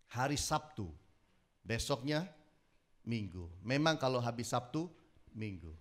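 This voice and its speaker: A man preaching a sermon, telling stories with dramatic swings between loud exclamations and low murmurs. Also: animated, a little slow. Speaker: pastor. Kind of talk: sermon with storytelling.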